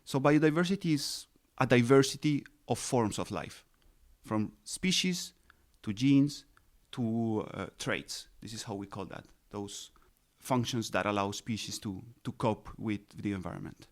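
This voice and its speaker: A man's voice: fairly low pitch, unhurried. A man in his thirties, raised in Colombia, patiently explaining his research as a guest in an interview, with frequent restarts and fillers. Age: 30s. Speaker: ecologist guest.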